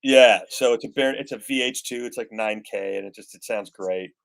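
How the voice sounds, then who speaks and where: Man in his fifties, gravelly voice, rambling gear talk, casual chat. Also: fairly low pitch, normal speed. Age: 50s. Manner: rambling, gear-nerd enthusiasm. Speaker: guest guitarist.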